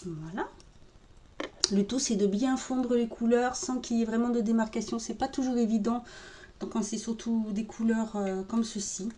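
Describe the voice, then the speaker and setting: A woman narrating a makeup tutorial in a calm, step-by-step way while she works. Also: fairly high pitch, normal speed, slight background noise. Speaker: makeup vlogger. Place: home room with birdsong outside.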